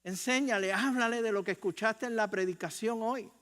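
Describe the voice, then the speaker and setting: Older Puerto Rican pastor, high voice, chatty sermon with rhetorical questions, long church reverb. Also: male voice, fairly quick, a bit bright. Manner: conversational preaching with rhetorical questions and humor. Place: church sanctuary.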